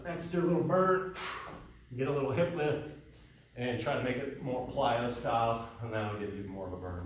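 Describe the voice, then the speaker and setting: A winded man coaches a kettlebell workout, calling out each step of the moves. He sounds far from the mic in a very echoey gym. Faint room noise sits behind him. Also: medium pitch. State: out of breath. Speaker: fitness coach. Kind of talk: workout instruction.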